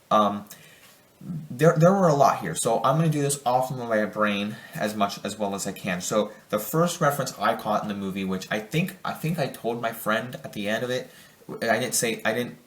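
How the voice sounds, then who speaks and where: A man's voice: lowish voice, roomy sound. A young man giving a casual spoiler review of a film, rambling and enthusiastic, often restarting his sentences. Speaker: movie reviewer.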